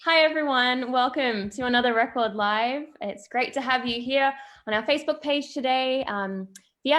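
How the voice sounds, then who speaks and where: A woman's voice: fairly high pitch, a bit bright. A woman hosting a live online talk show, upbeat and encouraging with her guests. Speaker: host.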